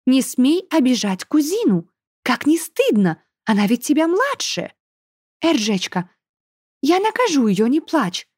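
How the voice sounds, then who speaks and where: A woman's voice: sits high, a little mellow, dry recording, studio quality, voice pushed up. A woman voicing a scheming young stepmother who speaks in a syrupy, haughty way. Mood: fussing. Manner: syrupy, mock-sweet, haughty.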